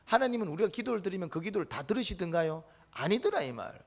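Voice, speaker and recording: A man's voice: sits high, lively intonation, rapid-fire. A middle-aged male pastor giving a Sunday sermon, firing off rhetorical questions, answering them himself and acting out the voices he quotes.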